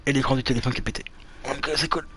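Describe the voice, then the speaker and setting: A man's voice: medium pitch, fairly even intonation, racing, pushed and bright, slight background noise. A man streaming a video game, muttering to himself and swearing as he searches around. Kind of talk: casual gaming commentary.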